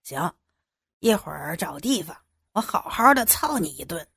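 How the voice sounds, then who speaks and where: A woman voicing a gruff lecherous male boss. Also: on the low side, sing-song, moderate pace, a bit bright, dry recording, pitched below the performer's own voice, exaggerated voice. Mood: leering. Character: older male bureau chief, lecherous and bossy. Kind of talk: adult audio story reading.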